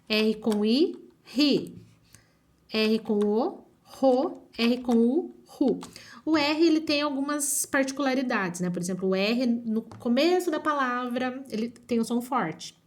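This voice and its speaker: A woman teaching reading to young children, sounding out syllables one at a time. She speaks slowly and deliberately in a somewhat high voice, and often stops to ask whether everyone has understood. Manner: slow, drawn-out syllables with frequent checking questions. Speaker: primary school teacher. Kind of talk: online phonics lesson.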